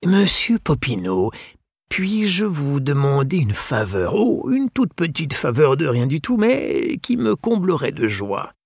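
A man voicing an elderly, courteous English bookseller who speaks French with an English accent, in a formal, measured manner. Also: fairly high pitch, big pitch swings, creaky, husky, no room sound, clean studio sound, pitched above the performer's own voice, full character voice. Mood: courteous, genteel.

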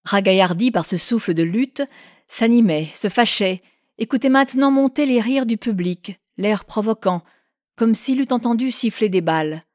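A woman narrating a classic novel in a measured, expressive reading. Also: fairly high pitch, no echo, studio quality. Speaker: audiobook narrator.

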